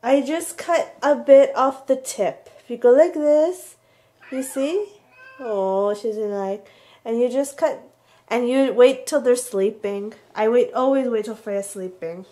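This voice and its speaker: A woman with a high-pitched voice talks in a casual how-to style. Her tone is mellow and rounded, never sharp. She explains informally, step by step, as she demonstrates. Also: a little slow. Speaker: pet owner demonstrating nail trimming.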